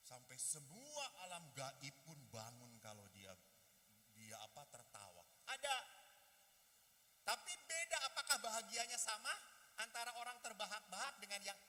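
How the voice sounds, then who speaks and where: A man, a priest, giving a lively talk to young people and acting out the voices of people in his stories. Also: high voice, big-room sound, a little hiss or hum. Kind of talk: lively youth talk with acted dialogue. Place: hall at a youth gathering.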